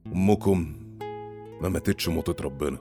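A man's voice: low-pitched, moderate pace, dark tone, soft background music, close to an everyday voice. An actor playing a grave, commanding old Egyptian father in a radio drama. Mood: grave, secretive.

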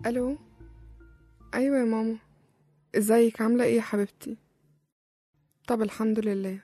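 A woman's voice: on the high side, fairly even intonation, normal speed, dark tone, husky, no echo, soft background music. A woman with an Egyptian Arabic accent acting a frightened young mother on a phone call in an audio drama. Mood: anxious. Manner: anxious, distressed.

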